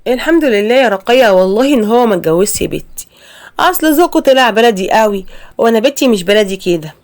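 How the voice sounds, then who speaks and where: A woman with an Egyptian accent voicing a haughty, gossiping older friend in an animated story. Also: fairly high pitch, quick pace. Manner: haughty, dismissive.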